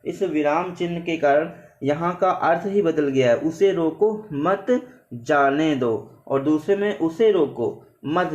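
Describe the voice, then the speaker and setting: A man's voice: fairly high pitch, highs cut off. A man teaching an online Hindi grammar class with an Indian accent, explaining step by step and repeating key words, mixing in English words.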